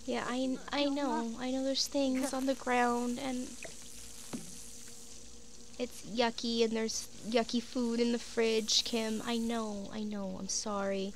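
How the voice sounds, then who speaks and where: A gaming YouTuber, a young woman with a cold, sniffles through a casual let's play of her life-sim game, slowly narrating and chatting to her sims. Her voice sits fairly high with little pitch movement, and she leans on "like" and "um" a lot. There's slight background noise.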